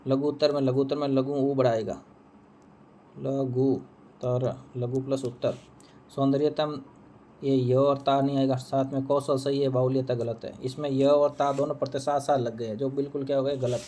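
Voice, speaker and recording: A man's voice: mid-range voice, level tone, moderate pace, dark tone, slight background noise. Repetitive male Hindi teacher. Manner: repeats answers, asks and answers own questions. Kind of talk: exam answer key walkthrough.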